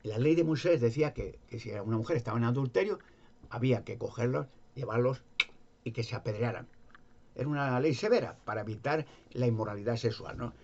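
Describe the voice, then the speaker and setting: A man's voice: mid-range voice, animated, brisk, darkish tone, lo-fi sound. A man with a Spain Spanish accent retelling a gospel story in a rambling, repetitive, folksy way. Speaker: religious storyteller. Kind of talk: casual retelling of a Bible story.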